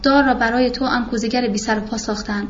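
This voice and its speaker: A woman's voice: on the high side, fairly even intonation, muffled recording, slight background noise, natural voice. A woman voicing a tired, grieving young wife who speaks sadly through tears. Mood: tearful. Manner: tired, sorrowful, tearful.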